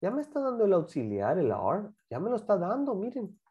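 A woman, an English teacher giving a class to children, repeating example phrases slowly and quizzing her students. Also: mid-range voice, huge pitch swings, warm tone, muffled recording. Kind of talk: online class teaching English grammar to kids.

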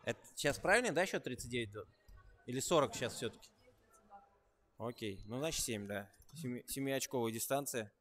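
A man giving live basketball play-by-play, calling each move with rising excitement and dropping into relaxed, chatty asides between plays. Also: mid-range voice, a little fast. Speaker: basketball commentator.

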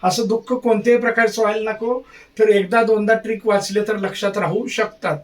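A man's voice: sits high, little pitch movement, brisk, distant mic. A man teaching an exam-prep lesson, repeating key points and drilling memory tricks.

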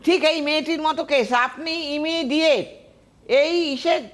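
A woman's voice: high voice, steady tone, measured pace. A woman astrologer, giving firm, emphatic predictions to callers on a TV call-in show.

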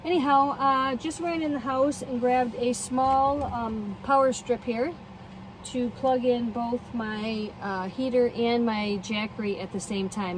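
A middle-aged woman chatting casually on her van camping vlog, upbeat and thinking aloud as she shows things around her parked minivan. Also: a little high. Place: inside a parked minivan, heater running. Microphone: phone camera held or mounted close. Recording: steady heater noise behind.

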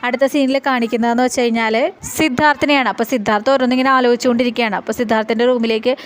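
A woman's voice: fairly high pitch, steady tone. A woman retelling a television serial episode scene by scene in a chatty, storytelling way. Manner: rapid storytelling, tags lines with a chatty 'you know'. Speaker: serial recap host.

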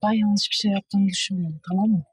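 An actress playing a defiant young woman who talks quickly and defensively, in a TV drama. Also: medium pitch, steady tone, slightly rough, no echo, close to an everyday voice. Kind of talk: TV drama acting.

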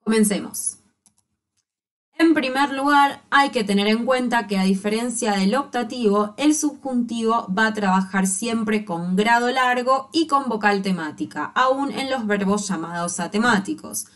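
A woman teacher giving a recorded lecture over slides, reading out forms slowly and carefully. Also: medium pitch.

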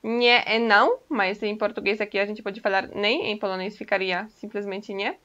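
Bright-voiced woman teaching a language. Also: medium pitch, fairly even intonation, moderate pace. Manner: patient, explains step by step, often checks in with "ok?". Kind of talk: casual online language lesson. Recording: dull lo-fi recording.

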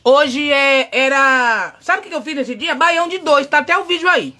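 A middle-aged Brazilian woman chatting loudly and outspokenly with her viewers, telling a story while she works. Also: high-pitched, normal speed. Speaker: vlogger. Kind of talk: casual chat while painting a wig.

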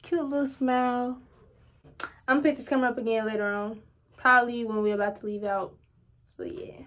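A young woman chats to her camera at home in a rambling, easy vlog style, tossing y'all into nearly every thought. Her voice sits a little high and light. The talk is loose and friendly, held close on a handheld camera. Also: steady tone, fairly quick, a bit bright. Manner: chatty, rambling, keeps addressing viewers as y'all. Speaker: vlogger. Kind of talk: casual vlog chat to camera.

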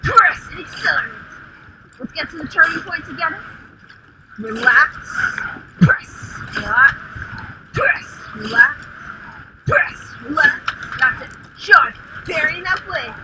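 Young woman coxswain, rowing coach-style speaker calls, very high voice, unhurried clipped commands, noisy outdoor headset mic. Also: very animated, gravelly. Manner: clipped, rhythmic stroke calls, rising to urgent shouting on power pushes. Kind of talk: coxswain calling commands through the boat speaker during a race piece. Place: outdoors on the water in a rowing shell.

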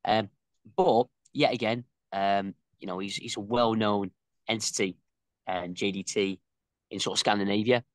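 Male co-host, mid pitch, halting and ummy, dry close recording. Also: steady tone, no echo. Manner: hesitant, lots of ums and restarts. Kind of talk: casual fan reaction chat.

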